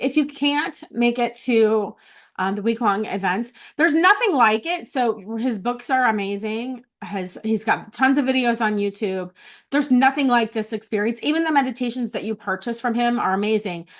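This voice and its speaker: Tearful woman vlogger, heartfelt. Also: mid-range voice. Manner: heartfelt, gets teary, restarts phrases. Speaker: vlogger sharing retreat notes. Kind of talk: casual personal vlog.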